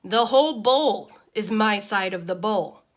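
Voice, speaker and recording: In an expressive, deliberate picture-book read-aloud, a woman voices a small pet goldfish who is easily exasperated and narrating its diary. Her mid-range voice stays close to her everyday speech, and the mood is indignant.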